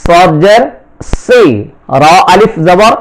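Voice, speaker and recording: In a slow lesson on reading the Quran, a Bangladeshi-accented man spells out every letter and vowel, then repeats the syllables. His voice is high-pitched, with a little hiss or hum.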